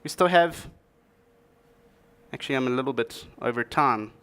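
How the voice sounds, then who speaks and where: A man's voice: mid-range voice, moderate pace, fairly bright tone, smooth. A man giving a humorous tech talk at a conference, joking as he presents. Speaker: conference speaker.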